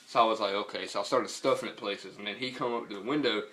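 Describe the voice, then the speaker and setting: A man's voice: fairly low pitch, fast, a bit bright. A young man with a Southern US accent telling a story casually in a slangy, profane, rambling way. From North Carolina, US.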